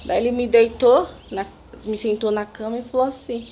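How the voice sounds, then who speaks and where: A young Brazilian woman vlogger telling a personal story to camera, animated and emotional, often laughing and acting out what people said. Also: a little high, moderate pace, lo-fi sound, slight background noise. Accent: Brazilian Portuguese. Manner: animated, emotional retelling with laughs and dramatic quotes.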